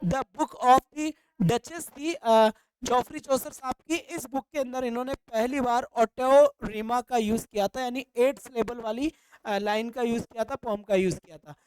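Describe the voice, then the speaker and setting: A woman's voice: fairly high pitch, measured pace, darkish tone, smooth, rough recording. A woman teacher giving an exam-prep literature lecture when she speaks English, repeating key points and asking the listener questions.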